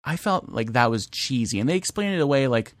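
A man's voice: mid-range voice, expressive, fairly quick, no echo. Podcast guy, mid voice, easygoing, lots of ums, dry sound. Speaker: podcast co-host. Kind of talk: casual chat.

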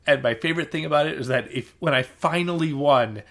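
A man's voice: on the high side, a little fast, a bit bright. Rambling, wry male podcast co-host. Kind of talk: casual chat recapping a dating show.

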